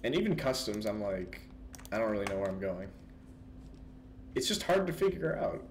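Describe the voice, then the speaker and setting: Low-ish and full of big pitch swings, this young gaming video host's voice moves at normal speed as he rambles casually about a game, leaning on fillers and laughing a lot. There's a little hiss or hum in the recording.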